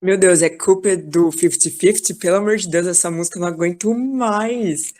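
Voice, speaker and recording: Woman, slightly low, enthusiastic chatterbox, video-call audio. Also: moderate pace, a little mellow. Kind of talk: casual chat in an online class.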